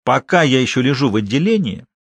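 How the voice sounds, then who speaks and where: A man's voice: medium pitch, sing-song, quick pace, slightly rough, no echo. A man reading aloud, voicing an indignant, quarrelsome drunkard patient in a hospital. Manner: demanding, quarrelsome.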